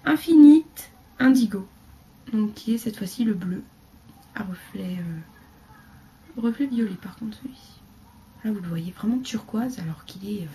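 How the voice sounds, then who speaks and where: Chatty woman doing a makeup haul, a bit high voiced, trails off into mumbly asides, faint hiss behind. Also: mellow. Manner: chatty, rambling with many fillers and trailing off into low asides. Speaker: beauty vlogger. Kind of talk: casual haul video.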